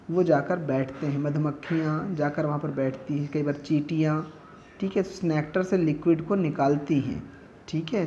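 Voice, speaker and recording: A man's voice: a little high, mellow, highs cut off, a little hiss or hum. A male teacher, giving a classroom vocabulary lesson, repeating each word for students to echo and often checking they follow. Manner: repeats words slowly for students to echo, with frequent check-ins.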